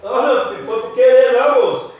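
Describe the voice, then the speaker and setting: High-voiced Brazilian man teasing, echoey. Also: fairly quick, highs cut off. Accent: Brazilian Portuguese. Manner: teasing, loud, repetitive coaxing. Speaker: prankster uncle. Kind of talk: casual prank video talk. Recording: echoey room, far from mic, faint noise.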